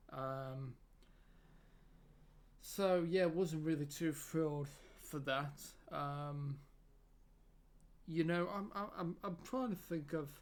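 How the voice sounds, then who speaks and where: Losing his voice, a man gives a casual spoken review on YouTube, stumbling over fillers and repeated words. He sounds somewhat high and gravelly.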